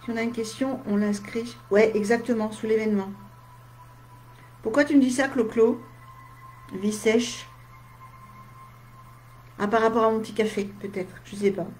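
A woman speaks casually to her live-stream audience, replying to their comments in short, chatty asides. She sounds tired, and a slight head cold leaves her voice faintly husky and dry. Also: on the high side, steady tone, fairly quick, a little mellow, slight background noise. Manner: chatty, talks straight to viewers in short asides. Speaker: medium.

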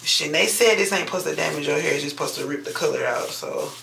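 A woman's voice: low-pitched, fast talker, vocal fry, background noise. A young woman vlogging at home, chatting casually to her viewers, profane and exasperated. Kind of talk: casual vlog chat.

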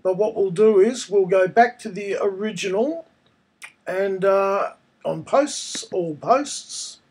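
A man, croaky and hoarse from a cold, narrating a casual step-by-step screencast tutorial. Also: high voice, slow. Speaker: tutorial presenter.

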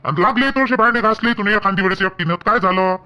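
High-voiced rural Marathi husband. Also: male voice, fast, pushed and bright. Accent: Marathi dialect of rural Maharashtra. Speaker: husband in a family skit. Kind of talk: village family drama skit.

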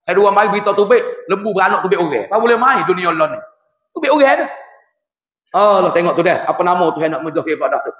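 A man, preaching a religious lesson in an animated, folksy way. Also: sits high, quick pace, roomy sound, big-room sound. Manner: folksy, animated, mixes scripture with dialect. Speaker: religious teacher. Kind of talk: Islamic sermon in local dialect.

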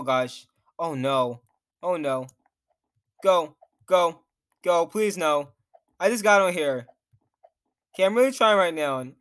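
Young man, high voice, nervous gameplay commentary, talks to himself. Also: fairly bright tone. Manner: jittery, nervous, talks to himself while playing. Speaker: gaming YouTuber.

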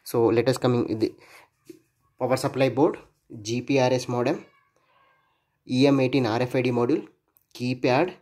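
Narrating an electronics project at an indoor workbench, a man speaks at medium pitch with a darkish tone. His delivery is halting as he thinks out loud, spelling each digit and letter.

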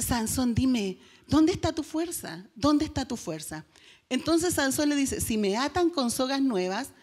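A woman pastor with a Chilean accent, preaching a sermon and telling a Bible story, acting out the quoted lines in a raised voice and putting rhetorical questions to the congregation. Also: on the high side.

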